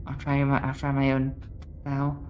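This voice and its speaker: A woman's voice: very deep voice, completely flat delivery, moderate pace, a little mellow, dull audio, soft background music. A woman chatting casually as a livestreamer while voice acting a game. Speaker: streamer voicing a game.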